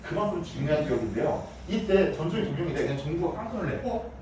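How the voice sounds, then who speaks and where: Male history teacher quizzing his class, animated, heard from a distance in a reverberant classroom. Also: fairly high pitch, fast, a little hiss or hum. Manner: lively, asks students questions. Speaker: middle school history teacher. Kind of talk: classroom lecture. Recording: echoey classroom from far off.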